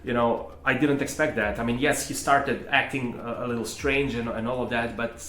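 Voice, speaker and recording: A man's voice: medium pitch, steady tone, moderate pace, pushed and bright. A man, hosting his own channel and telling a personal story in a hesitant, rambling way full of restarts. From Serbia. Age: 30s. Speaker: channel host. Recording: echoey room with faint music.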